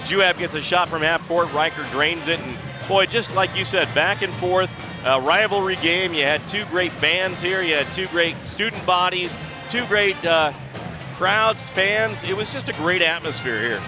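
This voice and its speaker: A man hosting a high school basketball postgame show, reading sponsor lines and recapping the game. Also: normal speed, music in the background, low-quality recording. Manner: upbeat, reads sponsor lines. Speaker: play-by-play broadcaster. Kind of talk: postgame sports broadcast.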